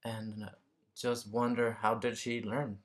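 Slow and level in tone, a man from Mexico with a lowish voice reflects casually as a guest in an interview. He sounds tentative, pausing to find his words, and frequently checks in by adding "right?" to what he says.

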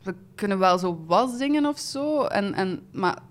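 A young woman with a Flemish accent talks casually as a podcast guest. She chats easily, laughs often and fills her pauses with many "ehm"s. Her voice sits at a middle pitch. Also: animated. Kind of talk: casual chat.

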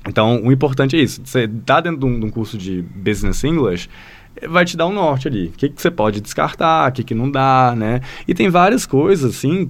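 Brazilian man telling stories in rambling chat. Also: mid-range voice. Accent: Brazilian Portuguese. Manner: rambling, filler-heavy storytelling that often addresses the listener. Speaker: guest, language school founder. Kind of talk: casual podcast conversation.

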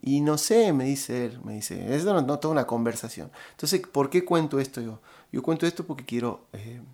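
Gravelly Argentine man telling a story. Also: mid-range voice, lively intonation, a little mellow. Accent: Argentine Spanish. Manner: rambling, halting with many fillers and restarts. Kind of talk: casual storytelling.

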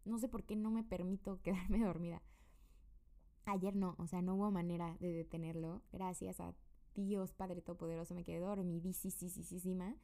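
Chatty Mexican woman with a gravelly voice. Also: lowish voice, level tone, moderate pace, mellow. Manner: chatty and rambling, many fillers. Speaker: podcaster. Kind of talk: casual personal update monologue. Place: her room.

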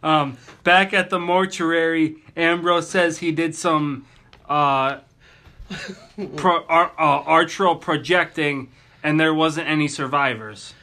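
Bright-voiced man recapping a show. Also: a little high, fairly even intonation. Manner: reads plot summaries with pauses and restarts. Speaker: podcast co-host. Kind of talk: casual recap chat.

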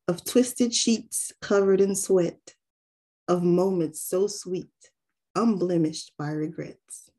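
A woman podcast co-host, reading an erotic poem aloud in a breathy, unhurried way. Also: lowish voice, a little mellow. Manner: giggly, laughs often, reads poem slowly. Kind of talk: casual chat and poem reading.

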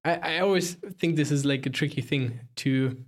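A man hosting a podcast, asking questions in a casual, hesitant way with frequent pauses and restarts. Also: on the high side. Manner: hesitant, many fillers and restarts. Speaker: podcast host. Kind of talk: casual interview.

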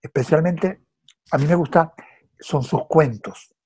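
A man's voice: fairly high pitch, measured pace, a little mellow, breathy edge. A man with a Venezuelan accent in casual film chat, hesitant and repeating words as he tells stories.

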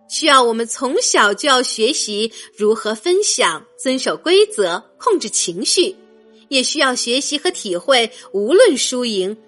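A woman telling a story to children in a gentle, expressive way, addressing them directly as the host of her storytelling channel. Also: fairly high pitch.

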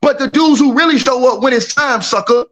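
A man in a heated sports debate, loudly opinionated and ribbing the others as he argues. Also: very high-pitched, brisk. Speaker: sports panelist.

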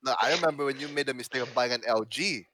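A man's voice: medium pitch, fast, pushed and bright. A nineteen-year-old man in a casual podcast chat, teasing his friends and laughing often. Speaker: podcast co-host.

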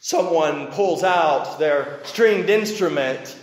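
Slow, dramatic male preacher in echoing hall. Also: animated. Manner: dramatic, swings from loud declaiming to hushed low tones. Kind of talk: dramatic sermon narration. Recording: echoey hall with long reverb.

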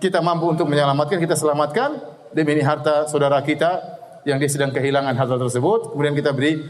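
A man's voice: fairly high pitch, steady tone, quick pace. A man, a religious teacher, giving an explanatory study lecture that mixes recited Arabic with plain explanation and light humor. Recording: reverberant lecture hall.

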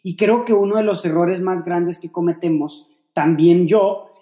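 A man's voice: sits high, steady tone, measured pace, dark tone. Man musing on a podcast, echoey. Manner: reflective, explains with many fillers and rhetorical questions. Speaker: podcast co-host. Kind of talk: casual faith-based relationship chat. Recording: echoey room.

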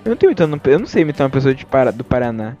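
A young man co-hosting a podcast in casual chat, quick and joking. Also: medium pitch, sing-song, mellow, soft background music. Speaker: podcast co-host.

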